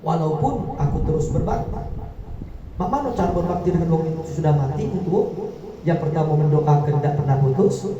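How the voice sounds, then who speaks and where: Animated male preacher in an echoey hall. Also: a little high, fairly quick, recorded from a distance, dull audio, crowd noise. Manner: animated storytelling, acting out dialogue in a raised voice. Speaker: Islamic preacher. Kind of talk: sermon.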